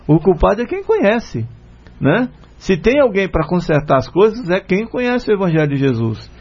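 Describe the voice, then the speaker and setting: Brazilian guy hosting a spiritist radio show, gravelly husky voice, a bit higher pitched, dull lo-fi sound. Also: very animated, normal speed, a little mellow. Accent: Brazilian Portuguese. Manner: earnest, retells a story with many "né?" fillers. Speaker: radio program host. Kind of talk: casual conversation on a spiritist radio program.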